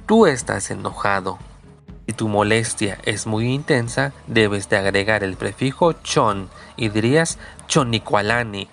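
Slow, patient male language teacher. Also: on the low side, gravelly, a bit bright. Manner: slow, patient, repeats each word three times. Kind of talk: recorded language lesson.

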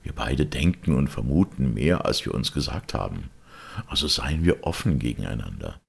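A man's voice: very deep voice, lively intonation, normal speed, gravelly, breathy edge, full character voice. A man voicing a resolute, middle-aged male lawyer in an audiobook, speaking firmly and emphatically. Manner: firm and emphatic. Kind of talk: audiobook character reading.

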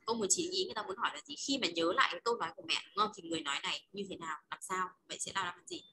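A woman's voice: medium pitch, lively intonation, very fast, sharp tone, slight background noise. A woman teacher from Vietnam running an online exam-prep lesson, prompting and correcting her students. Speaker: Chinese teacher. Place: online class.

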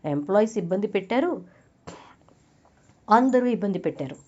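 A woman's voice: mid-range voice, lively intonation, moderate pace, darkish tone, natural voice. A woman voicing a stern elderly grandfather who accuses and confronts in a raised voice, over a dull lo-fi recording. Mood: angry accusing. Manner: accusing, raising voice.

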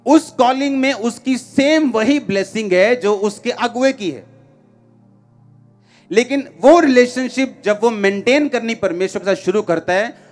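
A man's voice: very high voice, unhurried, soft background music. A man, preaching emphatically and firing rhetorical questions at a crowd in a large outdoor tent. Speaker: pastor. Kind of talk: sermon. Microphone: handheld microphone.

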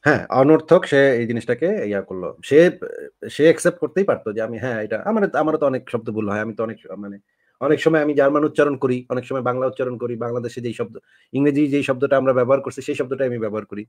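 A man's voice: medium pitch, racing, a little mellow. A man hosting a casual live discussion, explaining at length and asking rhetorical questions.

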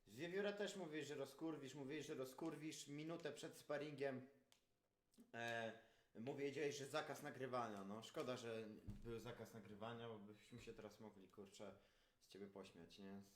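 A man's voice: medium pitch, steady tone, normal speed, a little hiss or hum. Mocking man in an echoey room. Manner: mocking, taunting, swearing. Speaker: livestreamer and fighter. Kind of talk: confrontational livestream banter. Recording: roomy, echoing livestream sound.

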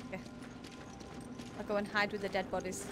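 A woman's voice: medium pitch, monotone, brisk, background noise. A woman streaming a game live, chatting and thanking viewers, shrieking when scared. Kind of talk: live gameplay chat.

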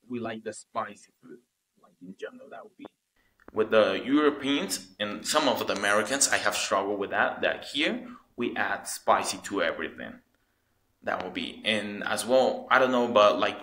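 A Mexican man, a local tour guide whose first language is Spanish, answering interview questions in halting English full of "like". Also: lowish voice, sharp tone, roomy sound, poor audio. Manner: halting non-native English, frequent "like".

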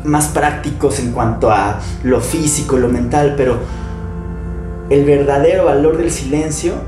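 A man in his thirties guiding meditation and talking on spirituality in a calm, instructive, unhurried way. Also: mid-range voice. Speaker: meditation teacher. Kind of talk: guided meditation and spiritual talk. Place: indoor room, seated on a wooden bench. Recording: echoey room with music behind. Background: music.

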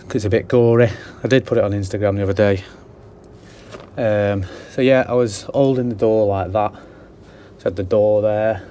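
Here's a young electrician vlogger filming himself on a handheld camera during an indoor house job, joking at his own expense and drifting into rambling asides. He has a warm, lowish voice, and the audio carries a little hiss or hum.

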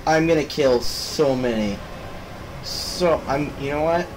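A young man casually commentating a video game, excitable and swearing, shouting at the screen when things go wrong. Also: fairly high pitch, slow pace. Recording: noisy home recording.

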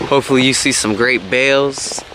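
A man's voice: mid-range voice, brisk, noisy background. A young man chatting casually to camera, joking and laughing often. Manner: laid-back, jokey, laughs often. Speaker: vlogger. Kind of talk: casual vlog chat.

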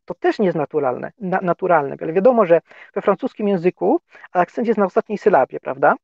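A man from Poland with a high, gravelly voice talks casually as a guest, stumbling and repeating words now and then. The sound is dull and muffled, with no room echo at all. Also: animated, a little fast. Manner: hesitant, repeats words, chuckles often. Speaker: interview guest. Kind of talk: casual conversation.

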